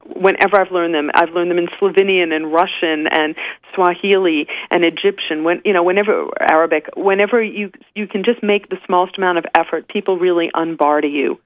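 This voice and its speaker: A woman's voice: lowish voice, steady tone, brisk, dry recording. A woman author with a Canadian accent, chatting as a guest in an interview, self-deprecating and full of restarts. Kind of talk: phone-in interview. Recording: tinny phone line.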